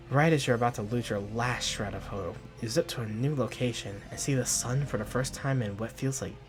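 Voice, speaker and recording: A man narrating a tabletop role-playing game as game master, telling the story in the second person. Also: medium pitch.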